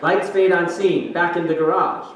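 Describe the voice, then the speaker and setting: A man's voice: a little high, fairly even intonation, moderate pace, a bit bright, natural voice. A man narrating stage directions for a staged play reading in scripted delivery. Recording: echoey hall, distant mic, faint noise.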